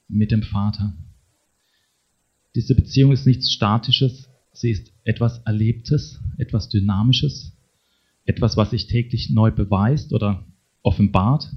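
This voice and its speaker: Husky-voiced man preaching conversationally. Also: medium pitch. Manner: talks to the congregation directly, tags sentences with a questioning "ne?". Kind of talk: conversational sermon. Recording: dull lo-fi sermon recording.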